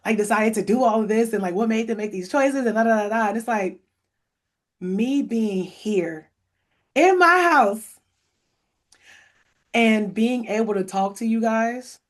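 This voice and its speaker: A woman in her thirties hosting a podcast from home, chatting in an excited, rambling way. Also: a little high, moderate pace. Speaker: podcast host. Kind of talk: casual interview chat.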